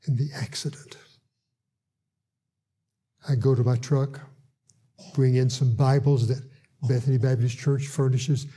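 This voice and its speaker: Husky, dark-voiced man telling a testimony. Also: mid-range voice. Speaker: hospital evangelist. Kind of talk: testimony storytelling.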